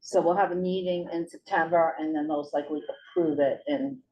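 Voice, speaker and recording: A woman's voice: deep voice, steady tone, brisk. A woman presenting financial results at a board meeting, reading figures steadily with some ums. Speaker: finance officer presenting report. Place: meeting room. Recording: distant muffled mic with faint hiss.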